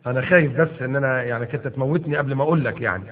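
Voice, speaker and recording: A man's voice: medium pitch, racing, close to an everyday voice. An Egyptian-accented man preacher voicing a cunning male Persian captive lord, over tinny audio. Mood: wily. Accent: Egyptian Arabic.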